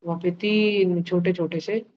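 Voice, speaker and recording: A man's voice: high voice, fairly even intonation, measured pace, muffled recording. A man teaching chemistry to a class in a playful way, with sound effects, homely comparisons and frequent checks that students follow. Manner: keeps checking with students through questions. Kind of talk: live online class lecture.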